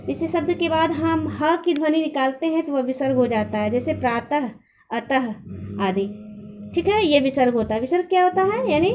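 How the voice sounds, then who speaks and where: Woman teacher with a high voice, patient step-by-step grammar explainer. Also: darkish tone. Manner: explains patiently, repeats questions and answers them herself. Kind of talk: classroom grammar lesson.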